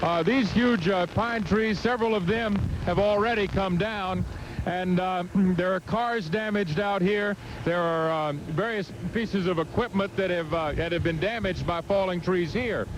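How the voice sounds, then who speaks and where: A man reporting live from outdoors in a storm, halting and raising his voice over the wind. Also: sits high. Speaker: field reporter. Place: outdoors in a hurricane. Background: loud outdoor storm ambience.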